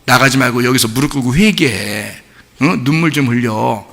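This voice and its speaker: A man voicing a father who quietly coaxes his child to repent and be forgiven. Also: normal speed. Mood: coaxing. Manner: soft, low and coaxing. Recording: long church-hall reverb.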